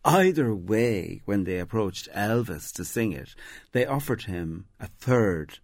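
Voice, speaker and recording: Man, low voice, lively intonation, dry studio sound, storytelling radio pundit. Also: slow pace, creaky, no room sound. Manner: storytelling, laughs easily. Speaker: music pundit. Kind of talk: casual radio chat. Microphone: studio microphone.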